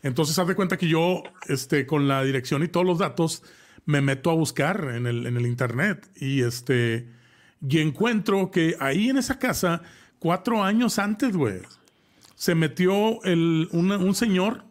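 A man's voice: a little high, a little slow. A man, co-hosting a live talk show and casually telling a horror story, rambling with lots of fillers and restarts and tossing in slang. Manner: chatty, addresses co-host directly with slang.

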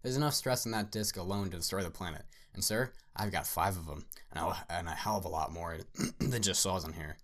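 A man voicing a manic, theatrical male artist villain who fawns over his guest, loud and sing-song with big jumps upward. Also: fairly quick. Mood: manic, insistent. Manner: obsequious, repeats "sir", swings loud and high. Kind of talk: dramatic story reading.

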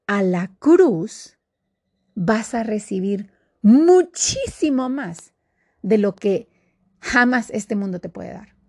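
Earnest woman with a warm, husky voice. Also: mid-range voice, no room sound, clean studio sound. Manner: earnest and animated, drops to whispers in prayer. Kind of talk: devotional talk to camera.

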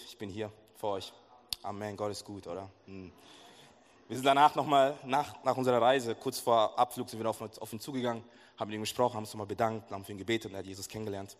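A young man preaching in a church service, telling a personal story in a casual, animated way with slang. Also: mid-range voice. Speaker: pastor. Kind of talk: sermon with a lively personal story. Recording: echoey hall.

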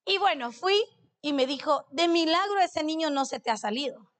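A woman's voice: high-pitched, expressive, normal speed. A middle-aged woman, preaching a sermon that mixes in personal testimony and questions to the congregation. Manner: conversational, asks the audience questions.

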